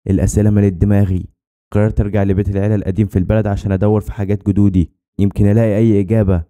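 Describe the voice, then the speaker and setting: A man with an Egyptian accent telling a scripted horror story in a brisk, tense way. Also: on the low side, little pitch movement, mellow.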